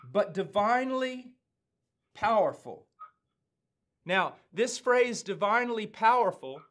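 Man, American accent, fifties, sermon, emphatic pauses, high-pitched, studio. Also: fairly bright tone. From United States. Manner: slow, earnest, emphatic, with weighty pauses. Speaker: preacher. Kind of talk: sermon teaching. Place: studio with dark backdrop, indoors.

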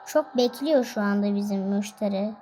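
A woman's voice: mid-range voice, moderate pace, dark tone, slight background noise. A woman giving casual, chatty commentary while playing a driving game, with frequent exclamations and laughs. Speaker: gaming video host.

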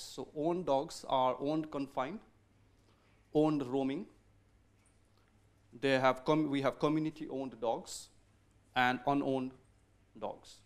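Standing at a podium microphone, a middle-aged man from Nepal presents at a conference in a medium-pitched voice. He moves through his slides politely, somewhat haltingly, with many ums and false starts.

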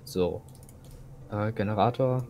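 A man's voice: lowish voice, slow pace, a little mellow, faint music behind. A young man playing a video game with a friend, thinking aloud and often repeating words as he searches for them. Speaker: gamer co-playing. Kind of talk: casual gaming chat.

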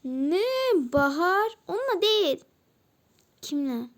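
High-voiced woman narrating a doll story. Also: expressive, moderate pace, a little mellow. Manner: voices every character herself. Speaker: channel host narrating a toy role-play story. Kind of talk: narrated doll role-play.

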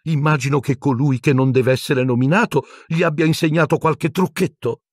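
A man voicing a cowering, rat-like wizard with a shrill, squeaky voice who pleads and stammers breathlessly. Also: moderate pace, no room sound, clean studio sound, lightly acted. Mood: pleading.

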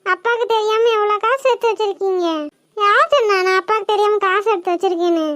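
A woman's voice: very high voice, steady tone, quick pace, fairly bright tone, no room sound. A woman voicing a sly teenage daughter in a cartoon, cheekily threatening to tell her father. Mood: cheeky threatening.

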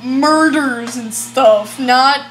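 A woman playing a blunt, deadpan female detective being interviewed in an amateur role-play. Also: sits high. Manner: blunt, deadpan, quick comebacks. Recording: roomy home recording with noise.

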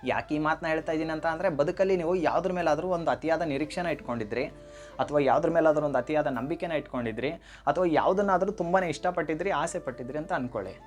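A man's voice: on the high side, fast. A man giving an earnest motivational talk straight to his listeners, stressing and repeating his key phrases. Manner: earnest, direct address to listeners. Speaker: motivational speaker. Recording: faint background music.

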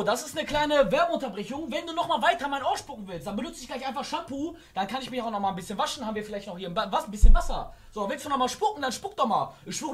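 A young man co-hosting a gaming stream, shouting, joking and trading insults with his partner. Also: very high-pitched. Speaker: streamer co-host. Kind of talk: loud gaming stream banter.

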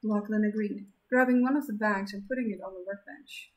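A woman's voice: medium pitch, steady tone, a little fast, a little mellow. A woman reading her own fantasy novel aloud on a live stream, correcting small slips as she goes.

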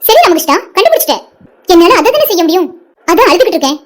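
A woman voicing a tearful, heartbroken young woman in an animated cartoon, pleading with a friend. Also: very high voice, racing. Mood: hurt. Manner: pleading, protective.

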